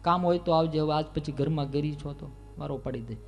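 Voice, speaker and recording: This is a calm, firm mother, voiced by a male storyteller in a devotional tale. She speaks low and measured, never rattled. Faint music runs under the voice. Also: vocal fry. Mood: scolding.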